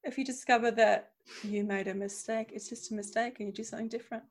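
A woman's voice: fairly high pitch, fairly even intonation, fast. A woman in her forties co-hosting a podcast, chatting casually and teasing with emphatic, encouraging remarks. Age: 40s. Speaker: podcast co-host. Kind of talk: casual chat.

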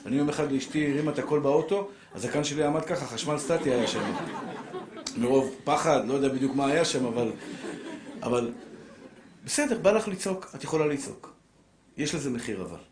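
A middle-aged man giving a religious lecture on marriage, animated and preacherly, swinging between soft, low lines and raised, pressing ones. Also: long pauses, noisy background. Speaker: rabbi lecturer. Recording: echoey room.

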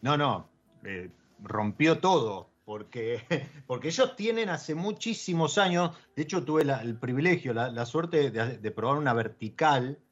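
A man's voice: mid-range voice, animated, a little slow. A man with an Argentine accent hosting a casual chat about wine, with many fillers and restarts. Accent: Argentine Spanish. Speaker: wine show host. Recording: dull lo-fi audio.

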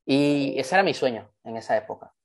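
A young Venezuelan man, working as a motivational trainer, tells his story in an online training talk over a video call. His medium-pitched voice is animated, brisk and a bit creaky, and he comes across as earnest and enthusiastic.

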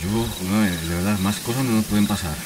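Guy cohosting a radio bit, lowish voice, slangy mock-scared banter, crickets loud in the back. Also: fast talker, background noise. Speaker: radio show co-host. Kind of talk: comic scripted radio sketch.

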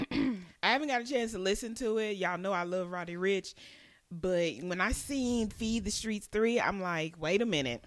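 A woman's voice: mid-range voice, unhurried, dry recording. A woman co-hosting a casual chat podcast, curt and dry, with profane asides. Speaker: podcast co-host.

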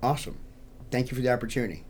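A man's voice: medium pitch, rapid-fire, darkish tone, slight background noise. An American man from New York hosting a podcast, talking informally to listeners in an earnest, personal and plain-spoken way. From New York, United States. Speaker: podcast host.

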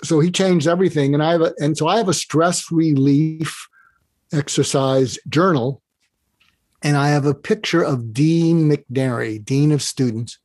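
A man talks as a podcast guest in a fairly high voice, earnestly walking the listener through an exercise. He often repeats words as he restarts his phrases. The sound is dry and close. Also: fairly even intonation, a little slow, a little mellow, dry recording. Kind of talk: casual interview talk.

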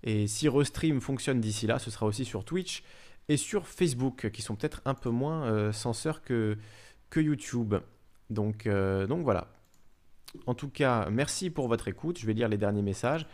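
A man hosts a live stream and talks casually to his viewers. He reads their messages out loud and answers them. His voice sits at a middling pitch, and he speaks haltingly, with lots of fillers and false starts. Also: lively intonation. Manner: halting, many fillers and restarts. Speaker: livestream host.

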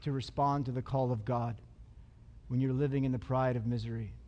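A man's voice: medium pitch, fairly even intonation, brisk, mellow, dull audio. A man pastor preaching a sermon, emphatic and fond of repeating his lines for effect, in a church sanctuary. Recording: long hall reverb.

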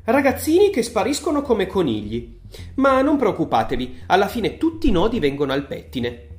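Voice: mid-range voice, wildly swooping pitch, normal speed, darkish tone, echoey room, voice pushed up. A reader voicing an eccentric, exuberant man who runs a chocolate factory, talking in a theatrical, showy way over faint music. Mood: excited, showy.

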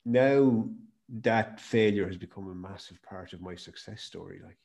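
A man's voice: sits low, moderate pace, gravelly, a little mellow. A man with a west of Ireland accent, telling stories emphatically in a conversational interview. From County Mayo, west of Ireland. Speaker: podcast guest, health and performance speaker.

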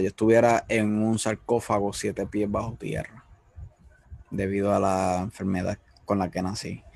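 A man hosts an interview and speaks in an earnest, heartfelt way. His voice is low and gravelly, with a flat pitch. The recording is dry. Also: dry recording. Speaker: host. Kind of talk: interview, faith testimony.

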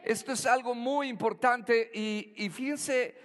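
A man's voice: extremely high pitch, fairly even intonation, slow, in a large hall. A male pastor preaching a sermon, speaking emphatically and calling out to his congregation for responses.

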